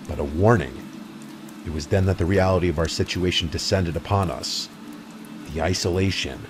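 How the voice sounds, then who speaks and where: A man with a low voice reads a horror story in a measured, brooding way. Faint ambient sound sits behind him. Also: a little mellow, slight background noise. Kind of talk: scripted horror narration.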